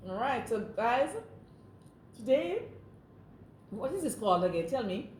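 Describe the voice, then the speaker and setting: A woman's voice: a little high, a little slow. A woman co-hosting a casual chat, addressing viewers directly and animatedly. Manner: animated, talks to viewers as guys. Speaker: co-host. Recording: echoey room, faint noise.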